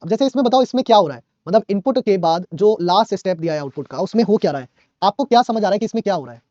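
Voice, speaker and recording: A man teaching a live online class, talking fast and chatty, joking while he scolds his students. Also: high-pitched, expressive, mellow, no echo, lo-fi sound.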